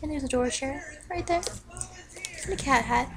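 A teenage girl vlogs from her bedroom, rambling through a casual webcam rant that is hyper and full of fillers at a normal speed. A cold has made her voice low and rough. The built-in webcam mic makes for a noisy recording, with a TV playing behind her.

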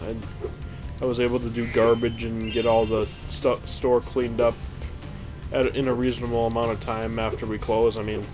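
A man's voice: mid-range voice, little pitch movement, normal speed. A young man giving casual, tired, spaced-out game commentary in a laid-back, rambling way. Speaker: gaming video host. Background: video game music and effects.

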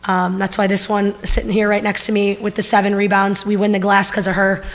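A woman's voice: medium pitch, brisk. A middle-aged woman head coach speaking earnestly at a postgame press conference from a table mic. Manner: steady, earnest, many fillers. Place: press room. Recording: long reverb in press room.

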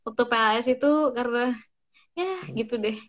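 A young woman chats as an interview guest, her voice a touch higher than usual. She is lively and talkative, trailing into fillers while searching for words. The recording sounds dull and lo-fi. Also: a little fast. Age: young adult. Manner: chatty, animated, hesitant fillers when thinking. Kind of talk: casual conversational interview.

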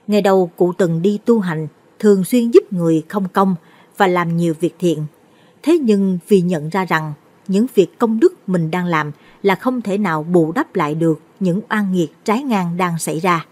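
A woman narrating a late-night Buddhist ghost story in a steady, measured way. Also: fairly low pitch.

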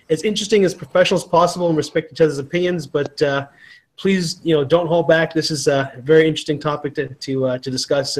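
A middle-aged man from Canada hosting a panel discussion over a video call, speaking in a measured, halting way with many fillers. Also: on the high side. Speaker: host. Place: small room at home. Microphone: headphones on a video call.

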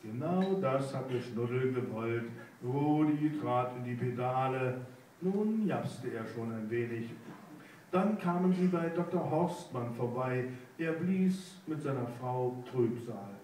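A man reading a children's story aloud at sight, unhurried and playful. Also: mid-range voice, expressive, a little mellow, slight background noise. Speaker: reader. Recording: echoey room, mic far off.

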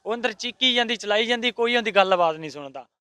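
A man's voice: high-pitched, expressive, fast, bright, forceful tone. A man with a Punjabi accent, aggrieved and insistent as he tells a reporter how his wife was left untreated. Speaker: patient's husband. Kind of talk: complaint to a reporter. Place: outside a hospital.

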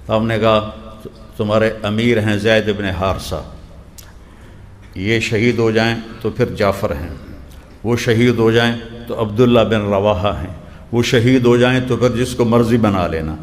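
A man preaching a religious sermon, telling stories and slowing down to recite quotations in short repeated phrases. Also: lowish voice, fairly even intonation, a little hiss or hum. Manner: storytelling, slows down to recite quotations. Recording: long hall reverb.

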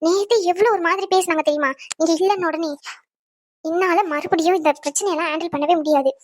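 A woman's voice: very high voice, fairly even intonation, fast talker. A woman voicing a tearful, stubborn young wife in a cartoon drama, pleading and hurt.

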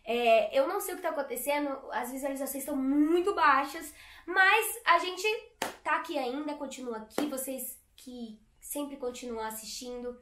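A woman's voice: high-pitched, normal speed, a bit bright. A young woman, a voice actress, chatting casually and teasing on her channel. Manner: bubbly and teasing. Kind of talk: casual chat. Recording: echoey room.

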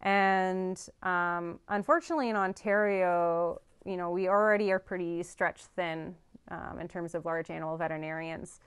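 A young Canadian farm veterinarian gives thoughtful interview answers, full of ums and restarts, while sitting in a studio with a dark backdrop. Her fairly low voice is steady and clean-toned, at a moderate pace.

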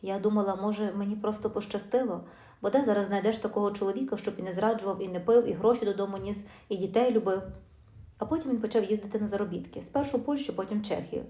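Brisk woman telling a life story. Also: mid-range voice, dark tone. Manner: brisk, emotional, confiding. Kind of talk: first-person life story narration. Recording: roomy echo.

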